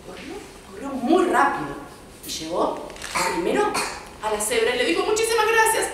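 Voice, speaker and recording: A woman's voice: fairly high pitch, moderate pace, far from the mic. A woman with a Rioplatense Spanish accent, telling a story to children at a library and asking them questions as she goes. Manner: expressive, asks the children questions, puts on squeals for characters. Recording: echoey room recorded from afar, noisy.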